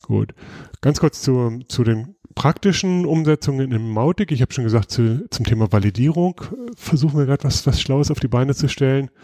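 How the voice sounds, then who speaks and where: A man hosting a podcast in casual chat, explaining things in a relaxed way with frequent hesitations and restarts. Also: medium pitch, moderate pace, no echo, studio quality. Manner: relaxed, explanatory, many filler sounds and restarts. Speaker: podcast host.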